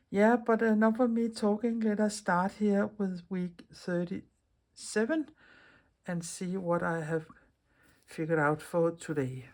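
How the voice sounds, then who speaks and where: Speaking English as a second language with a Danish accent, a middle-aged craft video host from Denmark chats casually through a tutorial, often restarting her words. Her voice is on the low side with a darkish tone.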